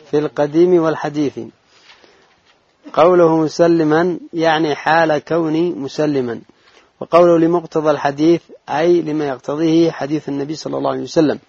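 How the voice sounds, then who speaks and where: Brief: male reader, gravelly monotone recitation, dry, muffled lo-fi sound. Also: a little high, dry recording. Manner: measured recitation with brief asides. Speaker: reader of the text in a lesson. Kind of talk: reading a religious text aloud. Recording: dull lo-fi dry recording.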